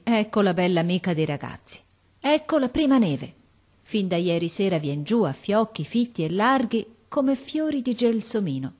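Low-voiced woman reading a storybook. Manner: expressive reading, voice lifts on names and exclamations. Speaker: audiobook reader. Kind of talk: scripted narration of a classic children's novel.

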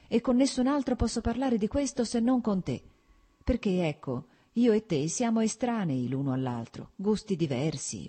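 An agitated young nobleman in love, voiced by a woman reading aloud, speaking in an earnest, urgent, pleading way. The voice stays low and mellow, with a faint huskiness. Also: breathy edge.

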